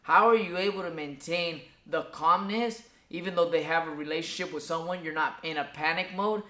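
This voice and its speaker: Male boxer as interviewer, bright high voice, rambling questions, echoey room with faint hiss. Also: brisk.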